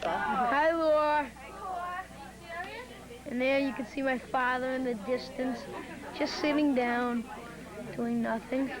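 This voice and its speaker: A woman's voice: sits high, fairly even intonation, slow, pauses often, a crowd in the background. A woman filming an old home video, chatting casually and calling out to party guests. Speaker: home video camera operator. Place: busy restaurant party.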